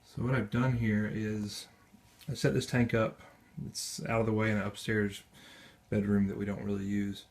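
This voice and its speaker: Low gravelly man rambling off-camera. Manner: relaxed, halting, with many restarts and self-corrections. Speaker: aquarium hobbyist. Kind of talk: casual off-camera commentary. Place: spare upstairs bedroom at home.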